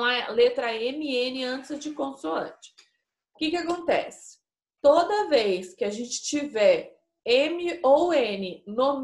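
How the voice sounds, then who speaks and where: A Brazilian woman teacher with a fairly high voice walks young pupils through a lesson step by step. She talks slowly and patiently and keeps checking that they follow. The sound is roomy and echoey, as in a classroom. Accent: Brazilian Portuguese. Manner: patient, slow and explanatory, addresses pupils, checks with "né?" and "tá?". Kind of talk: recorded remote class lesson. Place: classroom with a whiteboard. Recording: echoey room.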